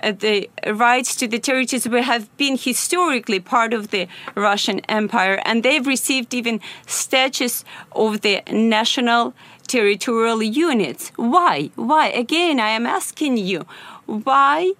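A woman heard as a live interpreter, translating a speech in a halting way and repeating questions as she follows the speaker. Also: on the high side, a bit bright, no room sound. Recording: archive clip played into the show.

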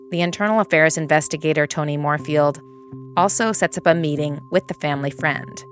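A woman with a low voice narrates an investigative documentary. Her delivery is measured and matter-of-fact, clearly scripted storytelling. Faint music plays underneath. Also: fairly bright tone. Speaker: narrator and reporter.

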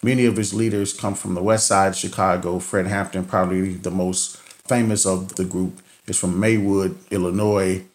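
A man's voice: deep voice, level tone, normal speed. A man speaking as an academic interviewee, explaining history.

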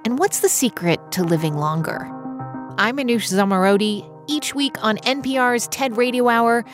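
A woman reads a scripted promo for her radio show in a fairly high voice. Light music plays behind her. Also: normal speed.

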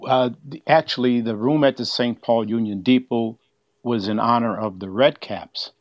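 Heard over a muffled, narrow-band line, this older man speaks at a normal pace in a mid-range voice with no room sound. He's a museum exhibit curator being interviewed, explaining history.

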